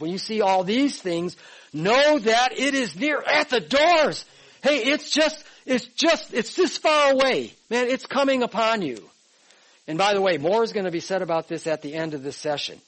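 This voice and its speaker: A man's voice: high voice, fairly bright tone, poor audio. A man in his sixties teaching a Bible class from his notes, emphatic and conversational, often checking in with "all right?" and "okay". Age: 60s.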